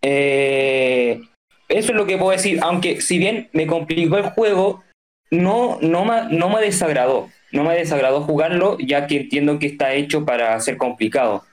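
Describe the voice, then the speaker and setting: Man giving a hesitant game review. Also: fairly high pitch. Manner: hesitant, many filler "eh"s, measured critique. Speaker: podcast co-host reviewing games. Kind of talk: casual podcast review.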